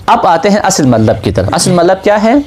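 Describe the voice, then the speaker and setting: In a lecture on Islamic law, a man teaching at a seminary quizzes himself aloud, supplying his own answers. He speaks in a somewhat high voice with animated, rising-and-falling pitch.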